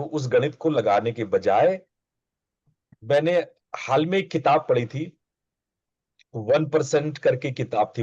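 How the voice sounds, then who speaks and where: A man's voice: medium pitch, darkish tone, no echo, lo-fi sound. A man speaking as a spiritual teacher, giving a conversational, coaxing discourse and repeating phrases for emphasis.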